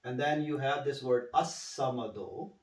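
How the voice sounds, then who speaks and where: In one-on-one tutoring, a man teaches Quran recitation with an unhurried patience, often going over each word slowly. His mid-range voice sits far from the microphone in a spacious room, so a distinct echo follows it.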